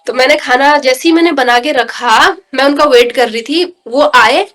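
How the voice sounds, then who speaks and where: Her voice sits high with a fairly bright tone and a normal speed as she shares a personal devotional experience in an interview. This podcast guest tells it earnestly and emotionally, frequently turning to the host and calling him brother.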